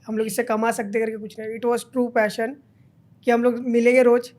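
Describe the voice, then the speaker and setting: A man's voice: extremely high pitch, level tone, moderate pace, a little mellow. A male content creator sharing his experience and advice in a casual chat.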